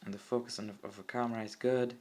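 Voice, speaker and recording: A young man with a medium-pitched, darkish voice talks rapid-fire in a level tone, his native Czech accent clear as he explains a computer install. This tech hobbyist from the Czech Republic rambles, corrects himself, and mutters asides to the camera at a desk by a window. It's an old phone recording, lo-fi, with faint room noise from the smartphone camera mic.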